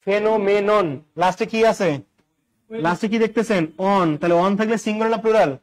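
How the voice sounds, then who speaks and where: Man, high voice, grammar teacher, quizzing, joking. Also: steady tone, a little fast. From Bangladesh. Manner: quizzes listeners with repeated questions and jokes. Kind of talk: online exam-prep English grammar lesson.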